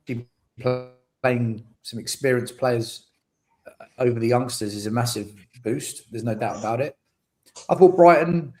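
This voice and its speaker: A man giving blunt, emphatic football opinions on a podcast over a video call. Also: medium pitch. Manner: blunt, emphatic, repeats his points. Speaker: podcast panelist. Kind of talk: casual football chat.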